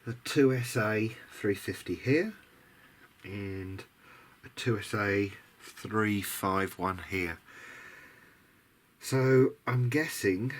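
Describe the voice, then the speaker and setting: A man with a voice on the low side chats casually and without a script as he works at a bench. Like a hobbyist keeping a video diary, he thinks aloud in a musing, tentative way. Noticeable background noise is present.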